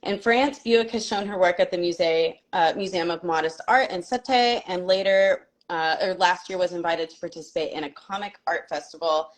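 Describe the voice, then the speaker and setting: A woman's voice: lowish voice, normal speed, few pauses. A young adult woman hosting a live video-call interview, friendly and hesitant, full of fillers. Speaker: host.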